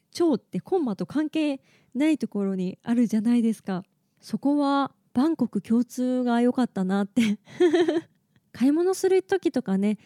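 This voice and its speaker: A woman's voice: fairly high pitch, mellow, no echo, studio quality. A woman hosting a casual solo podcast, chatting and explaining things step by step with a slight lilt. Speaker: podcast host.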